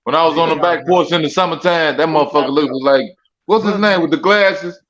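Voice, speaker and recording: A man with a high voice trading rapid, loud roasts on a group call. He jumps into mocking impressions of his friends and keeps the insults coming. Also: a crowd in the background.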